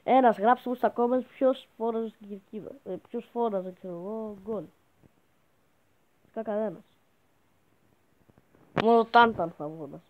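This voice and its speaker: A male YouTuber giving joking, crude gameplay commentary that bursts into excited shouts. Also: high voice, dull audio. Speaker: gaming YouTuber.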